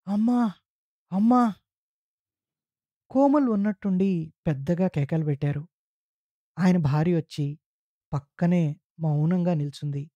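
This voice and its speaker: A man narrating a literary short story for a podcast, with slow, solemn, deliberate phrasing. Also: a little high, warm tone, dry recording, dull audio.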